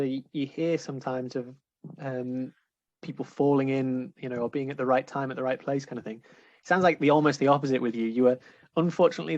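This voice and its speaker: A man hosting a student union interview over a video call, friendly, with many pauses and restarts. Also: mid-range voice, a little mellow, no echo. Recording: slightly muffled call audio.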